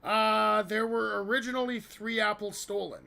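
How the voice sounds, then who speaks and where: A man's voice: high-pitched, steady tone, normal speed, creaky, sharp tone. A man casually narrating a tabletop game as the game master.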